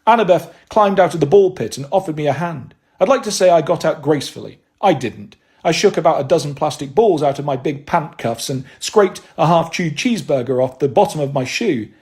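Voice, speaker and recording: A man's voice: on the high side, lively intonation, fairly quick, hardly any pauses, a little mellow. A man reading a first-person novel aloud, with a wry, dry delivery. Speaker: audiobook narrator.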